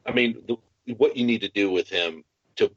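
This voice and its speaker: On a gaming podcast, a co-host talks tabletop game strategy casually but emphatically, restating his points. His voice is on the low side with a breathy edge and a normal pace, and the muffled recording has no echo.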